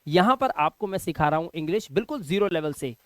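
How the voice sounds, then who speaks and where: A man teaching English pronunciation, repeating each word slowly and with emphasis. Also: animated, fairly bright tone, dry recording. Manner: persuasive course pitch. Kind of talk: Hindi-language phonics lesson.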